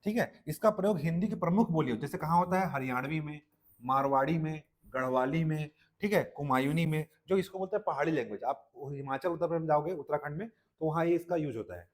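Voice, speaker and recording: Casting: a male Hindi teacher with a Chhattisgarhi accent, fairly high voice, lecturing for exam prep and quizzing the class. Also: quick pace. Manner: repeats "ठीक है" and quizzes listeners.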